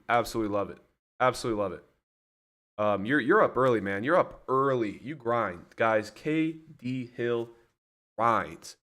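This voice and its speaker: Talking straight to his audience, a livestream host chats and rambles casually. He is a man with a medium-pitched, fairly bright voice.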